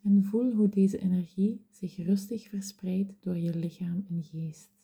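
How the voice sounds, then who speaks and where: Female meditation guide, whispered delivery, very slow and dark-toned. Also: mid-range voice, steady tone, gravelly, slightly rough. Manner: slow, soothing, gentle.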